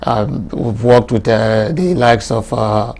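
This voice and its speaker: A man's voice: medium pitch, slow, creaky. A middle-aged man from Nigeria, a lawyer, being interviewed, talking easily with many fillers. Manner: relaxed, many fillers like "you know" and "um".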